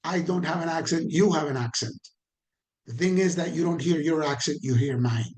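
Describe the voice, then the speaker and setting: Here a man pitched on the high side, with a darkish tone and moderate pace, teaches an online training. His Caribbean Spanish accent comes through as he talks conversationally, questions his audience, and repeats for emphasis.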